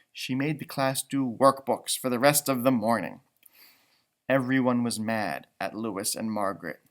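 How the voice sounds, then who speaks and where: A teacher with a medium-pitched voice reads a children's storybook aloud expressively. He adds exclamations and comments meant for young listeners.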